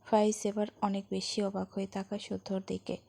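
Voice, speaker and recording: A woman storyteller reading a romance story aloud in a steady, even way. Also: mid-range voice, brisk, gravelly.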